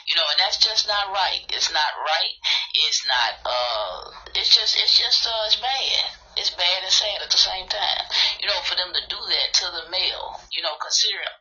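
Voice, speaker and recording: A woman's voice: on the low side, sharp tone, highs cut off. A woman hosting a casual call-in talk show, emphatic and repeating herself. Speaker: host.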